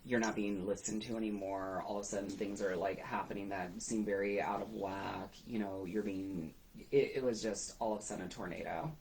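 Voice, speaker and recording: A woman's voice: rumbling low, brisk, slight background noise, poor audio. Woman host recounting candidly. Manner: animated, quotes others in passing. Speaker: host and business owner. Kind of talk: candid conversational storytelling.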